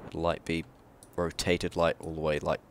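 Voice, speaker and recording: A man's voice: extremely low pitch, completely flat delivery, normal speed, a little hiss or hum. A man giving loose, rambling gameplay commentary, full of fillers and restarts. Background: loud background music.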